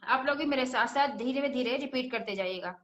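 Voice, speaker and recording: A woman's voice: sits high, brisk, fairly bright tone, roomy sound, lo-fi sound. A woman teaching children Quran recitation, patiently repeating each letter sound and asking questions as she goes. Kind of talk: religious lesson for children.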